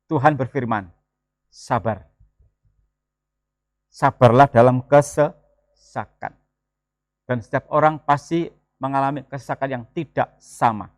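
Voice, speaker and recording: Lively pastor, dry sound. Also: male voice, medium pitch, moderate pace, dry recording. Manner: lively, joking, mixes in Javanese words. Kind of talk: sermon. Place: church.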